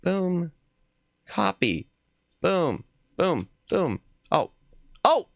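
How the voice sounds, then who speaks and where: A man hosting a casual game livestream, chatting in an expressive, exclamatory way. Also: high voice, drawn-out words, dry recording, studio quality. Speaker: livestream host.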